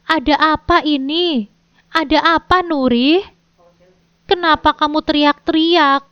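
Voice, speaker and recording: A woman voicing a worried older mother who sounds hoarse and anxious. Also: high voice, takes it slowly, dry recording, pitched above the performer's own voice. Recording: dull dry lo-fi recording.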